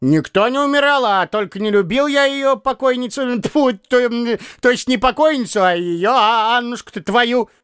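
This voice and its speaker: A man's voice: very high voice, normal speed, few pauses, a bit bright, smooth, no room sound, studio quality, pitched above the performer's own voice. Man playing a fussy, rambling old man. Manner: stammering, self-correcting, cackling. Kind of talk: audiobook character reading.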